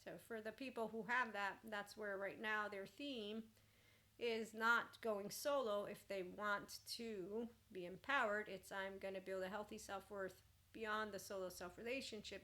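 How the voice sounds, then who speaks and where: A woman giving an informal, rambling mentoring talk in an expressive, blunt way, with casual asides. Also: medium pitch. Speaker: mentor and host.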